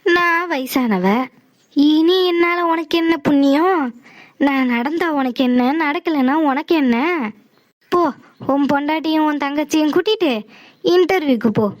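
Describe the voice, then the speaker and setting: A woman's voice: sits high, a little slow, pauses often, dry recording. A woman voicing a scheming, self-pitying old mother-in-law in a cartoon, complaining and guilt-tripping. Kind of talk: cartoon voice acting.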